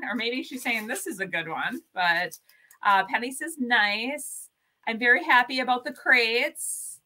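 A craft shop's livestream host chats casually, bubbly and talkative, greeting viewers by name with plenty of ums. Her voice is a little high, pushed and bright, and the recording is rough.

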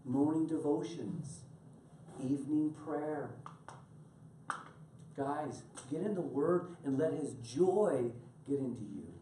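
A man preaching from the pulpit, his pitch climbing and dropping all over as he jokes and laughs through his stories. He sits some way back from the mic, and a roomy church echo and faint hiss hang around his voice. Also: slow, pauses often. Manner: animated, laughing storyteller addressing congregation by name. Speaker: pastor. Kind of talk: sermon. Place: church sanctuary. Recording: echoey room from far off.

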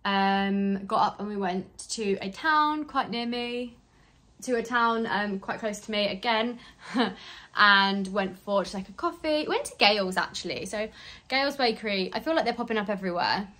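A woman's voice: medium pitch, moderate pace, pushed and bright, poor audio. A young woman from England, chatting casually to her phone camera in a rambling vlog full of fillers. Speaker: vlogger. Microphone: handheld phone.

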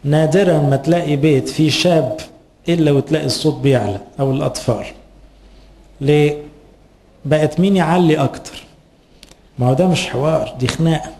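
Egyptian priest with a mellow voice. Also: male voice, fairly high pitch, fairly quick, long pauses. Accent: Egyptian Arabic. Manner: earnest, advising, rhetorical questions. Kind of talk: sermon to parents.

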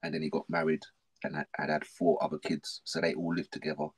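A middle-aged man from South London with a very deep, slightly rough voice talks quickly about his life as a podcast guest. His South London accent comes through in slangy, animated talk full of repetition.

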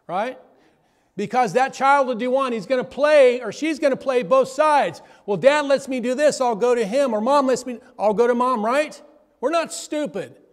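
A man preaching a sermon to his church, often asking the crowd "amen?" and "right?". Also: very high-pitched. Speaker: pastor. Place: church hall. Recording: long hall reverb.

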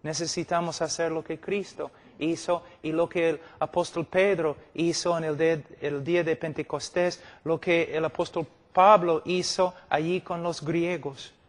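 Teaching at a church conference, this middle-aged preacher speaks a little high, flat and unhurried, with few pauses. He stresses points through repetition and stories, and the large meeting hall where his seated audience listens adds a long, echoey reverb.

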